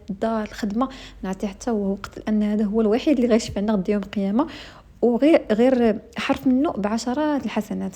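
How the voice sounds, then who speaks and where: A woman's voice: medium pitch, dark tone. A woman with a Moroccan accent chatting casually to her viewers as a vlogger and giving them advice. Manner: chatty, advising viewers directly. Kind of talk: casual chat.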